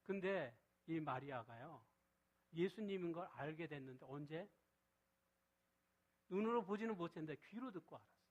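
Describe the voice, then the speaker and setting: A middle-aged man preaches to his congregation, his voice sitting a little above the usual male register. He keeps asking questions and answering them himself. He leans hard on key words, then drops to a quiet, low delivery when he reads scripture. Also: animated, moderate pace, long pauses, dull audio. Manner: shifts between loud stress and soft low reading. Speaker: pastor. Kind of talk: sermon.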